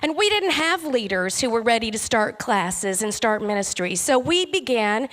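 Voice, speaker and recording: A woman's voice: fairly high pitch, very animated, normal speed, fairly bright tone. A woman preacher giving a conference talk, earnest, with rhythmic lists.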